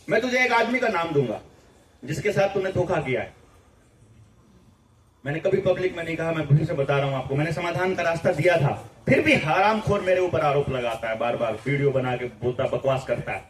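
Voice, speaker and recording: A man leading a campaign, speaking informally to a gathering, emphatic and repetitive, firing off rhetorical questions. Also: a little high. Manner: emphatic, repeats phrases, rising rhetorical questions. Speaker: campaign leader addressing supporters. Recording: echoey room, voice from far off.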